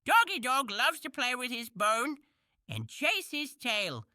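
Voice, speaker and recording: A woman voicing a cheerful young male kitten in a preschool cartoon, talking slowly and sing-song to small children. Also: high-pitched, sing-song, sharp tone, dry recording, clean studio sound, exaggerated voice.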